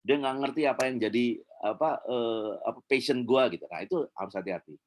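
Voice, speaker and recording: A man's voice: medium pitch, fast. A middle-aged man, teaching a sales seminar in a chatty lecturing manner with many fillers. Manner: chatty, many fillers, acts out customer quotes. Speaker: sales trainer.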